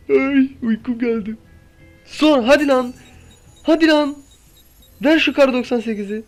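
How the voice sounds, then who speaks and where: A young man giving casual gameplay commentary, impatiently pleading and coaxing the game as he plays. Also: sits high. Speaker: gaming YouTuber.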